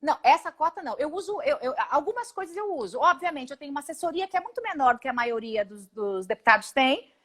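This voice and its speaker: Her voice is high, a bit bright and lively in intonation: a Brazilian woman in her forties from Paraná, appearing by video call as a congresswoman in a live interview. With a Brazilian Portuguese accent, she's emphatic and indignant and tends to fire off quick lists.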